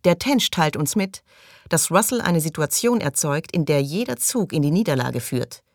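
A woman's voice: low-pitched, expressive, normal speed, no room sound, clean studio sound. A woman reading an audiobook and voicing a suspicious, agitated man who accuses and raises his voice. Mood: accusing.

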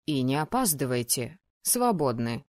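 A woman lowering her voice for a stern, clipped male dean. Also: big pitch swings, measured pace, darkish tone, dry recording, clean studio sound, exaggerated voice. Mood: curt. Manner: clipped, commanding, formal. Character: stern male dean of a magic academy, curt and cold. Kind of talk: audiobook character voice.

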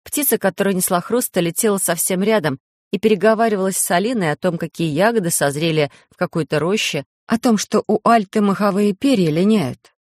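A woman's voice: mid-range voice, brisk, no room sound. A woman narrating a children's story expressively into a close mic. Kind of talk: audiobook narration.

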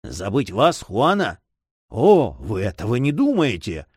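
A man's voice: mid-range voice, very animated, normal speed, darkish tone, dry recording, clean studio sound. A man reading an earnest young nobleman in love in an audiobook, tender and agitated. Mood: ardent.

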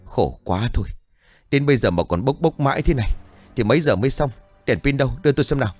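A man voicing a loud, panicked village woman who wails and shrieks for help in a spoken ghost story. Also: medium pitch, expressive, fast talker, faint music behind, close to an everyday voice. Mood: impatient.

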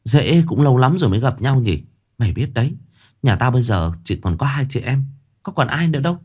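A man's voice: medium pitch, sing-song, fairly quick, darkish tone, slightly rough. A man voicing a guilty young village woman who stammers and pleads. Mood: chatty.

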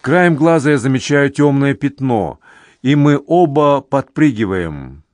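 A man's voice: mid-range voice, animated, measured pace, a little mellow, no room sound. Man reading an audiobook, dry sound. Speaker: audiobook narrator. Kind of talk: scripted narration.

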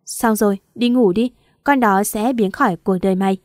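A woman's voice: medium pitch, normal speed, a little mellow, no echo, clean studio sound. A woman narrating a first-person romance story aloud, acting out the quarrels and tears in the dialogue. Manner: emotional, voices the quarrels and crying. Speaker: audiobook narrator.

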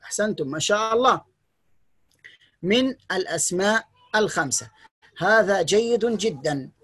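A teacher giving a patient, step-by-step grammar lesson online, repeating key rules slowly and often praising and blessing the students. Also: mid-range voice, expressive, a bit bright, husky, dry recording.

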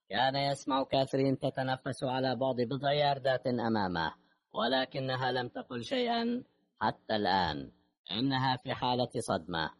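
Man reading a thriller audiobook, steady and measured, mid pitch, super dry close mic. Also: no room sound. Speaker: audiobook narrator. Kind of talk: scripted narration.

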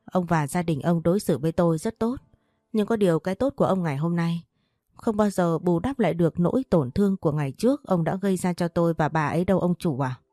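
A woman playing a calm, defiant chauffeur. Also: lowish voice, fast, no echo, studio quality, lightly acted. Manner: calm, unshaken, quietly defiant. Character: calm, defiant middle-aged male chauffeur.

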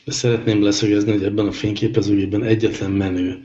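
A man co-hosting a podcast in casual tech banter, speaking in a measured, deliberate way with hesitant fillers. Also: fairly low pitch, flat delivery, mellow. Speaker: podcast co-host. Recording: dull lo-fi recording with faint noise.

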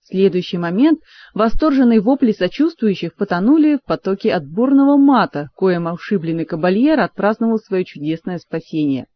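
A woman narrates an audiobook at a steady storytelling pace. The sound is dry and close, with a slightly dull, lo-fi tone. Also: medium pitch, moderate pace, no room sound. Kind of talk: scripted narration.

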